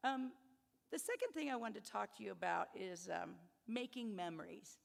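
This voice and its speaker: A woman in her fifties giving a speech to new students, telling personal stories in an animated, humorous way. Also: mid-range voice, moderate pace, vocal fry, long reverb tail. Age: 50s. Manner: storytelling, animated, laughs at her own stories. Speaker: convocation speaker.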